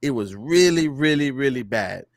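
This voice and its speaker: A man hosting a casual comedy podcast, telling stories with laughs and animated energy. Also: mid-range voice, moderate pace, dry recording, studio quality. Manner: animated storyteller, laughs often, loud mock-preacher bursts. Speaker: podcast host.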